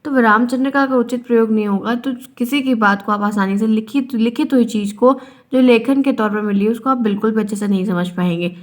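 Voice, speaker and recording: Young female teacher, higher register, patient and repetitive explainer for an online lesson. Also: a little fast. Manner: explains by repeating, acts out example sentences. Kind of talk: online Hindi grammar lesson.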